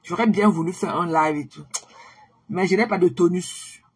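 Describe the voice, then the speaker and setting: A woman's voice: on the low side, moderate pace, darkish tone, husky. A tired woman chatting casually to her viewers on a live stream, repeating herself and slipping English phrases into her talk.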